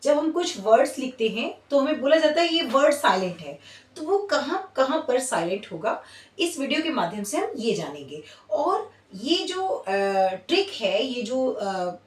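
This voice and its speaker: A high, lively Indian woman takes her class through a lesson at an unhurried pace, stopping to check in after each point. Her voice sounds a little far from the mic, and the room has a clear echo. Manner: repetitive, checks in with "theek hai". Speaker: English pronunciation teacher. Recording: roomy echo from a distance.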